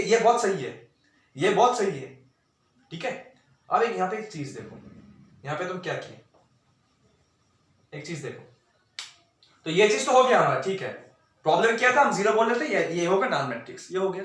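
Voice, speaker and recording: A man teaching math at a high pitch, animated and talking straight to his students. He stands back from the mic, and his voice rings around a very echoey room. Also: recorded from a distance. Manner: animated, talks straight to students, mixes Hindi and English. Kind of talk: lecture explaining at a board.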